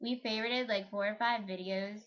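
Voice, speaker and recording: A woman's voice: mid-range voice, fairly even intonation, a little fast. A young woman vlogger chatting casually and giggling, with lots of fillers. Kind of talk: casual chat. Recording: dull lo-fi home video.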